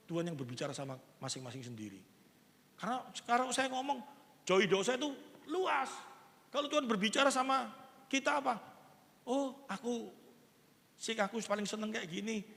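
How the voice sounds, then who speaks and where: Older pastor preaching, chatty, gravelly, big echoey church hall. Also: male voice, high-pitched. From East Java, Indonesia. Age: 60s. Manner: lively, conversational preaching with everyday examples. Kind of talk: sermon. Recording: long reverb of a church hall.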